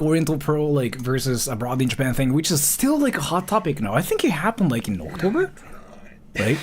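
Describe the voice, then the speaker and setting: A man in his thirties hosts a livestream, chatting casually and reacting as he goes. His mid-range voice carries slight background noise, and he rambles, halts, corrects himself mid-thought, and fills gaps with filler words.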